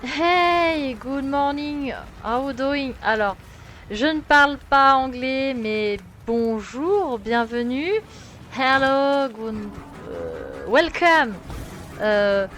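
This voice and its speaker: Her voice fairly high and a bit bright, a young French woman with a French accent chats through a game stream. She mutters to herself and makes fun of herself as she plays, with game music in the background and slight noise.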